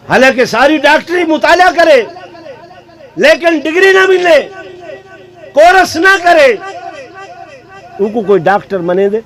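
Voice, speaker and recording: A male preacher giving a sermon to a village gathering. He asks rhetorical questions and keeps calling out to his listeners. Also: sits high. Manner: rhetorical questions and repeated addresses to the audience.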